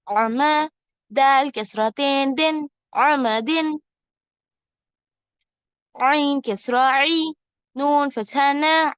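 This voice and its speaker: A woman teacher drills Arabic letters and syllables, one careful piece at a time. Her voice sits high and moves very slowly. The recording is dry and a little dull. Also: no echo. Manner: slow, deliberate syllable-by-syllable drilling. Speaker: Quran reading teacher.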